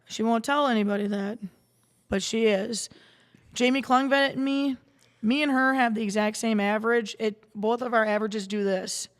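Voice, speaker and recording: Woman podcast guest, chatty and rambling, slightly high voice, long studio reverb. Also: normal speed. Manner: rambling, many restarts and fillers. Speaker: guest, salon owner and darts player. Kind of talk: casual storytelling chat.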